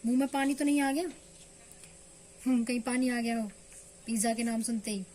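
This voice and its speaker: A woman's voice: fairly high pitch, fairly even intonation, a little fast, mellow, slight background noise. A woman teaching English pronunciation in Hindi with an Indian accent, patiently checking that her students follow. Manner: patient, keeps asking "clear?" to check understanding. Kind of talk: online spoken-English lesson.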